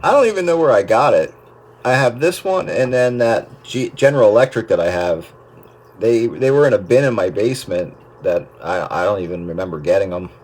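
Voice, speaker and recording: Hosting an amateur radio chat, a man rambles casually about equipment, trailing off as he goes, over a noisy, static-filled transmission. His voice is lowish and darkish, brisk with lively intonation.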